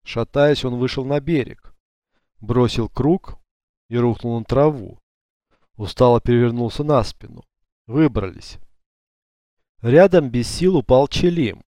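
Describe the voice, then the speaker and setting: A male audiobook narrator with a dark, mellow timbre who tells the story in an even, measured way. He sits close to the mic in a dry, dead booth with nothing behind him. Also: medium pitch, no echo. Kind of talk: scripted narration.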